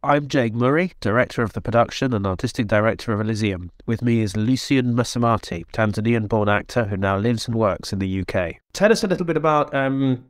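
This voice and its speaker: A man hosting a theatre company podcast, reading a measured introduction and asking interview questions. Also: mid-range voice, no room sound, clean studio sound. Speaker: podcast host, theatre director.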